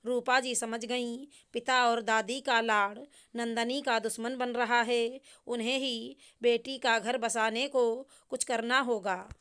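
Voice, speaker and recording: A woman narrating a scripted family story in a calm, measured reading. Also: on the high side, clean tone.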